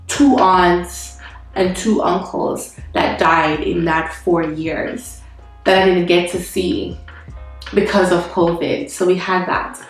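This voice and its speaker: A Jamaican woman vlogger gives a candid life update, her voice nasal from a cold, full of fillers and sighs. She speaks slowly in a low, flat voice, sitting far from the mic in a very echoey room with soft music in the background.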